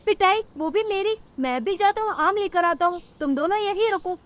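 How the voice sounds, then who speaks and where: A woman's voice: very high-pitched, normal speed, pitched above the performer's own voice. A woman voicing a brash, bullying young male crow in a cartoon who talks rudely and boastfully. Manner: rude and boastful.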